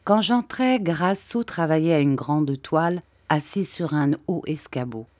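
A woman reading a short story aloud in a measured, deliberate narrating voice. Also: deep voice, animated, a little mellow, dry recording. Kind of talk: scripted narration.

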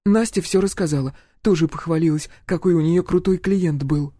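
A man's voice: fairly high pitch, normal speed, warm tone, no room sound, studio quality, voice pushed up, close to an everyday voice. A man voicing a terrified young woman who stutters and wails through tears in an audiobook. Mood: tearful pleading. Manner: stuttering, wailing, pleading. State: crying.

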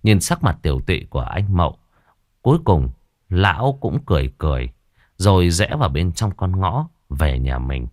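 Male audiobook narrator, ghost story, deep voice, lively pitch, dry close sound. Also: moderate pace, no echo. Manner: expressive, dramatic.

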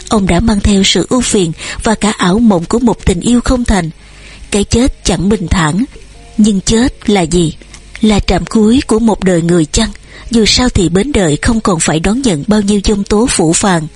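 A woman reading a novel aloud as narrator, in a steady, dramatic storytelling manner. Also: mid-range voice, moderate pace, husky. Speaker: audiobook narrator.

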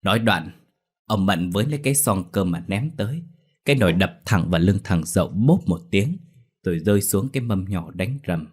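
A man narrating a scripted horror story in a lively storytelling manner. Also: low voice, brisk, husky.

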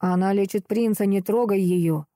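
A woman's voice: medium pitch, normal speed, mellow, dry recording, studio quality, lightly acted. A woman voicing an outspoken red-haired young bride who speaks indignantly.

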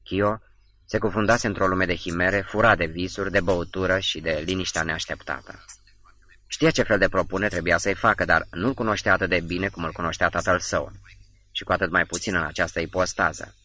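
A man narrating a novel as an audiobook, reading in a measured, literary manner. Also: low-pitched, steady tone, bright, forceful tone. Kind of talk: scripted narration.

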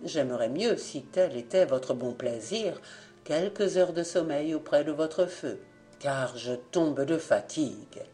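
A woman voicing a young nobleman who speaks gently and courteously, low and unhurried. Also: faint music behind. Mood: courtly gentle. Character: young nobleman, soft-spoken, courtly and smooth.

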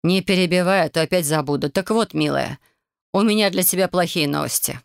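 A woman voicing an irritable, bossy female fairy who scolds slowly and impatiently. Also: fairly low pitch, creaky, clear, resonant tone, dry recording, clean studio sound. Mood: scolding.

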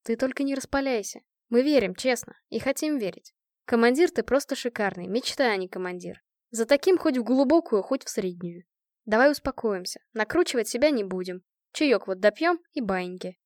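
A woman voicing a calm young man who speaks softly and soothingly. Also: fairly high pitch, normal speed, no echo, clean studio sound, close to an everyday voice. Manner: soft and soothing.

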